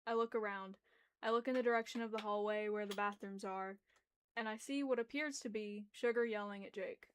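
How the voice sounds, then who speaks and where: A woman's voice: mid-range voice, fairly even intonation, a little fast, slight background noise. A young adult woman who reads a story and chats on a livestream, hesitant and apologetic, speaking through a locked jaw with slightly muffled articulation. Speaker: reader and host of a livestream. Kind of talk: reading a story aloud, informal livestream chat.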